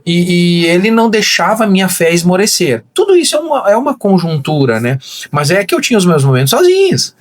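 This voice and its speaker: Man, pastor, high voice, husky, animated testimony. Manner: animated storyteller, acts out quoted dialogue. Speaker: pastor, podcast guest. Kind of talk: emotional testimony in casual conversation.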